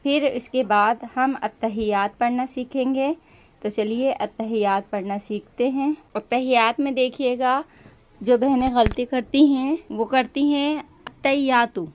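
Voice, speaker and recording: A woman teaches a recitation lesson in a high voice. She speaks slowly and patiently and draws out each word to show how it should sound. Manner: slow and patient, drawing out words to demonstrate pronunciation. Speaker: religious teacher.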